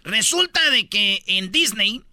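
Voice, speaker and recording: A man's voice: high voice, slow, no echo, studio quality. A man with a Mexican accent telling news stories as comic banter on a radio show, full of slang. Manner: joking, animated storyteller with slang.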